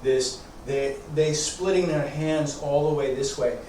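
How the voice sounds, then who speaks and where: A man's voice: on the high side, a little slow, darkish tone. Guy explaining tai chi stuff off the cuff, froggy throat, stop and start, distant mic w lots of echo. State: throat congested, often clearing it. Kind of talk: informal explanatory teaching. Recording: echoey room, distant mic, background noise.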